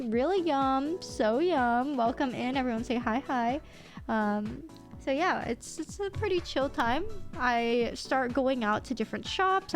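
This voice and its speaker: A young woman streaming live, chatting casually and teasing herself, with a slight lisp, a somewhat nasal voice, and a touch of sickness. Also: high voice. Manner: chatty, self-teasing, rambling. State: a little sick. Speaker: VTuber streamer.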